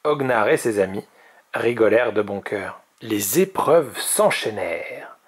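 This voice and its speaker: A man reading a children's storybook aloud at a library, in a measured, expressive way. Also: lowish voice, slightly rough.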